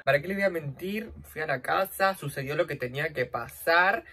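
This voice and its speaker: Doing her makeup on camera, this young vlogger spins a slangy, dramatic tale in Rioplatense Spanish, swinging between loud bursts and hushed asides. Her voice has a breathy edge and moves at normal speed over soft background music.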